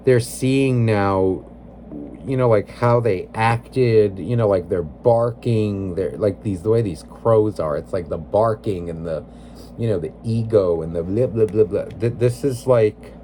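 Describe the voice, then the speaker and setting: A man talks through a tarot reading in a low, dark-toned voice. He rambles, leaning on "like" and "you know", and speaks bluntly and with feeling. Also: a little hiss or hum. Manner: emotionally invested, blunt. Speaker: tarot reader.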